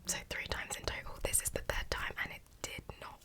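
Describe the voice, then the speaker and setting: British girl in her 20s doing fast whispered asmr, close up, breathy, repeats words over and over, just chatting. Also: sharp tone. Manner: repeats words and phrases rapidly as mouth-sound triggers. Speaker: ASMR video creator. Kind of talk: fast whispering ASMR, casual life-update chat. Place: indoors in a room at home.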